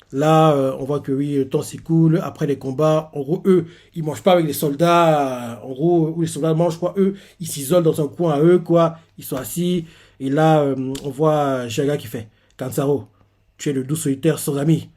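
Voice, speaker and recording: A man's voice: on the high side, fairly even intonation, moderate pace, a little mellow. A man hosting a manga reaction, recapping a chapter in a rambling, casual way with many fillers.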